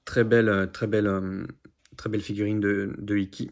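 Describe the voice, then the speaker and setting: A man's voice: fairly low pitch, little pitch movement, moderate pace, vocal fry, slight background noise. A man casually showing his figure collection to camera, chatty and rambling, full of fillers and repeats. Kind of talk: casual unboxing chat to camera.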